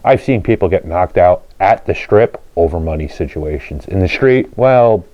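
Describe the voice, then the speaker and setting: A drag racer who hosts a car channel speaks in a low, expressive voice at a moderate pace, casually telling stories and explaining things to viewers in plain, colloquial language. The sound is lo-fi with no echo.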